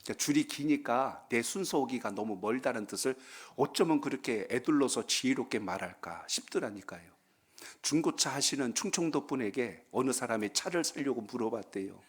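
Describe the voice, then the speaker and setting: A man's voice: medium pitch, lively intonation, normal speed, breathy edge. A man, a pastor, preaching a Friday prayer-meeting sermon in a church, calling for amens and telling folksy jokes. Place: church sanctuary.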